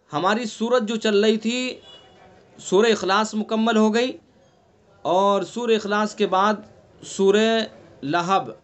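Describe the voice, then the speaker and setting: High-voiced man teaching Quran recitation. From India. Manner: explains slowly, repeats terms, quizzes students with questions. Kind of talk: online tajweed class. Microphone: online class recording.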